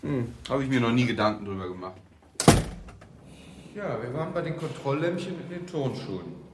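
In a German radio play, an actor voices a glib, self-assured advertising man, explaining things matter-of-factly and asking rhetorical questions in a conversational monologue. His mid-range voice is natural and animated at normal speed, eager and calculating, though the recording is very noisy.

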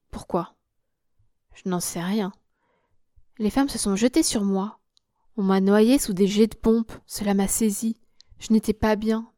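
A shaken young woman confined as a patient, her words halting and nervous, as a narrator reads her. Warm, mellow tone with a close, dry sound, told as a storybook. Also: medium pitch, dry recording, close to an everyday voice.

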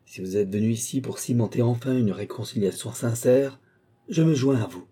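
A man's voice: medium pitch, moderate pace, dark tone, breathy edge, close to an everyday voice. A man voicing a stern medieval monk who condemns two feuding lords in a firm, severe voice.

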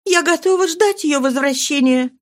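A woman's voice: high-pitched, moderate pace, pitched above the performer's own voice, natural voice. A woman voicing a desperate young mother, anguished and imploring. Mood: urgent. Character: desperate pleading young mother, grief-stricken.

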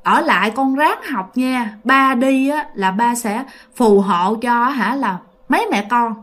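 Woman speaking as a tender ghost dad, soft slow farewell, high voice. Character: gentle dead father's ghost comforting his child.

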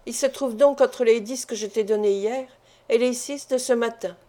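A woman's voice: on the high side, normal speed, mellow, close to an everyday voice. Woman reading as a stern ailing old father. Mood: commanding. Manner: pressing, questioning.

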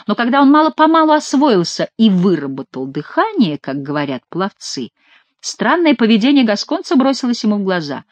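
A woman narrating an adventure audiobook, reading in a lively, expressive storytelling manner. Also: medium pitch, brisk, no echo. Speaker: audiobook reader.

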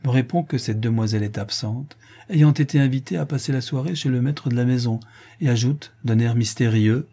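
A man reading an audiobook and voicing a remorseful young soldier making a halting confession. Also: mid-range voice, mellow, husky. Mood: ashamed.

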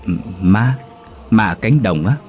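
A man's voice: sits low, moderate pace, a little mellow, faint music behind, lightly acted. A man voicing a blunt, reproachful young villager in his twenties. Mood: scared.

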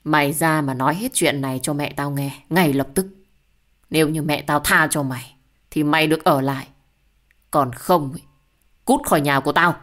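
A woman's voice: low-pitched, moderate pace, pauses often. A woman doing a furious, harsh husband. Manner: harsh shouting. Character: angry violent husband, harsh and contemptuous.

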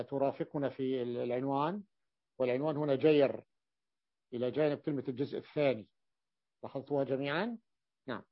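A man's voice: a little high, no echo, lo-fi sound. Man teaching grammar, patient, repetitive. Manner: explains step by step, repeats key points. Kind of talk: grammar lesson explanation.

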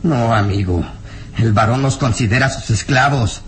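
A medium-pitched male actor with a natural voice takes the part of a burly peasant villager in a melodramatic radio drama, over slight background noise. Bitter and fearful, he sounds anguished, emphatic and halting.

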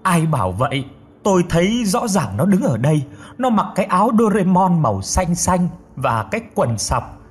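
A man's voice: high-pitched, big pitch swings, normal speed, husky, pitched above the performer's own voice, heavily acted. A man voicing a frightened old grandmother who stammers and insists on what she saw in a dream. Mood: insistent.

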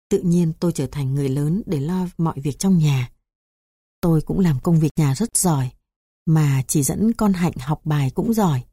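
Memoir reader: woman, Southern Vietnamese accent, low mellow voice, calm and even, dry close recording. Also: breathy edge, no room sound. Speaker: memoir narrator. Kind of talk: memoir reading.

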